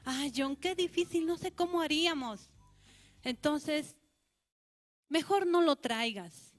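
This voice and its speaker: A woman's voice: sits high, takes it slowly, pitched above the performer's own voice. A woman voicing a fretful, doting mother. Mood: fretful pleading. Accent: Bolivian Spanish. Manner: fretful, sighing "ay". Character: anxious, doting middle-aged mother.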